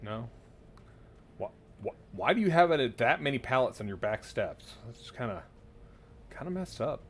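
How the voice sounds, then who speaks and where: A man's voice: mid-range voice, big pitch swings, normal speed. A man giving casual, wry let's-play commentary while playing a game. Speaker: gameplay commentator.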